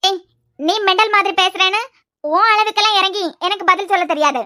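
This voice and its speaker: A woman doing a shrill, defiant young heroine. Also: fairly quick, sharp tone. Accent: Kanyakumari Tamil. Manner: scolding, high-pitched retorts. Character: young woman Mithra, sharp-tongued and defiant. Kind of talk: cartoon web series voice acting.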